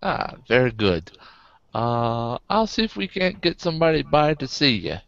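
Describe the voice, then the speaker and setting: A man voicing a smooth, secretive male information broker who speaks in an unhurried, knowing way. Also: mid-range voice, very animated, a bit bright, no echo, highs cut off, pitched above the performer's own voice.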